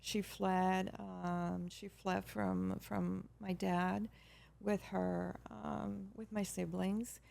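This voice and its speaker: A middle-aged woman from Peru, a guest telling her story in a measured, hesitant way with many pauses and restarts. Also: medium pitch, little pitch movement, gravelly, darkish tone. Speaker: guest, brand founder. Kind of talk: casual interview talk.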